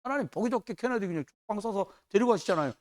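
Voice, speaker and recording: A male pastor delivering a sermon in a church. His voice sits high and swings widely in pitch as he tells loose, chatty stories. He acts out the people he quotes. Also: racing. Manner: animated, colloquial storytelling with acted quotes.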